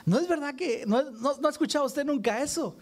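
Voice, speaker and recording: A man preaching a sermon, animated and questioning his congregation directly. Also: very high-pitched, brisk.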